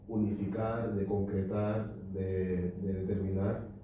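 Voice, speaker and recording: Young guy asking a q from the audience, low flat dark voice, lots of ums, far off in a big echoey hall. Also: takes it slowly, a little hiss or hum. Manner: hesitant, many fillers and tag questions. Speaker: audience member asking a question. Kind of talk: question from the floor at a book talk. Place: lecture hall at a cultural society. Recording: echoey hall, distant and dull.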